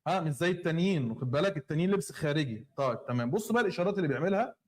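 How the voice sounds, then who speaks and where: Rapid, scornful Egyptian man. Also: a little high, expressive. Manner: scornful, combative. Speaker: commentator in a played video clip. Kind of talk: angry commentary on a clip.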